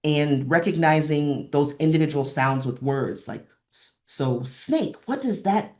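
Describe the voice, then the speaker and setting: Her voice is low, animated, slightly mellow, and a touch slow as she leads a librarian training webinar. The woman explains with encouragement, works through examples, and repeats phrases to drive points home.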